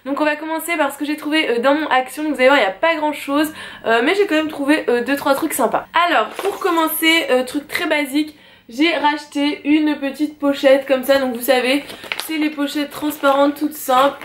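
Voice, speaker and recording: A young woman chatting casually through a shopping haul vlog, filling pauses with frequent hesitations and light laughs. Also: sits high, slight background noise. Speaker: vlogger.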